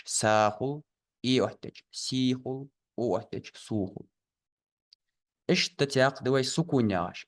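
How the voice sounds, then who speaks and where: A man teaching the Quran, naming Arabic letters and vowel marks slowly and deliberately and repeating each sound. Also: lowish voice. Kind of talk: recorded lesson on Arabic letters.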